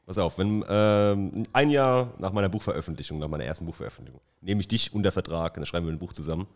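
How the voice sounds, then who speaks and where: Deep, rapid-fire male co-host, blunt crude heckler. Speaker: podcast co-host. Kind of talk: casual podcast banter.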